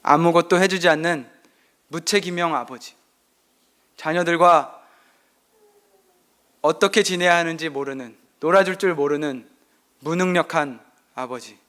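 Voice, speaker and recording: Male pastor preaching, lively storytelling. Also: on the high side, measured pace, long pauses. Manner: acts out dialogue with his son, shifting loudness. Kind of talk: sermon with personal anecdotes.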